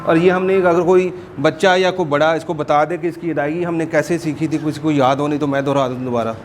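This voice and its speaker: A man teaching a Quran class, explaining and slowly repeating words to demonstrate correct pronunciation. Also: fairly high pitch, fairly even intonation, soft background music. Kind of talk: informal religious class lesson.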